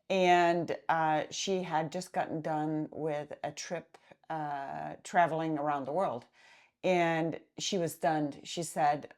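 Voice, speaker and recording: Woman co-hosting, low voice. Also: a little mellow. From Denmark. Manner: unhurried, with many filler "uh"s. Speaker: podcast co-host. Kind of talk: casual chat.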